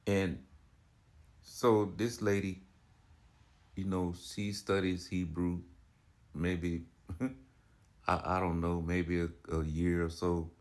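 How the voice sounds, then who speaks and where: Speaking slowly with long pauses, a man with a low-pitched, flat voice offers casual commentary on religious teaching. He is preachy and argumentative, repetitive and filler-heavy, full of "you know" and rhetorical questions.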